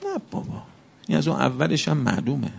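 A man's voice: on the high side, huge pitch swings, creaky, slightly rough. A man preaching a religious sermon, speaking with passion and firing off rhetorical questions to the congregation.

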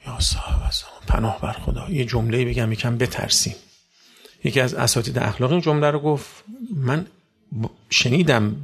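A man preaching a sermon to a religious gathering, asking rhetorical questions and rising sharply in pitch and volume. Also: gravelly, husky. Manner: rhetorical questions, sudden loud rises in pitch.

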